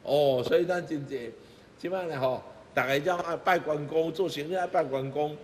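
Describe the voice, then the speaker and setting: A man's voice: a little high, normal speed, darkish tone, a little hiss or hum. A middle-aged man with a Taiwanese accent gives a Buddhist sermon, emphatic, with rhetorical questions and repeated phrases. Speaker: Buddhist master giving teachings. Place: temple hall before a seated congregation. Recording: echoey hall, music bed underneath.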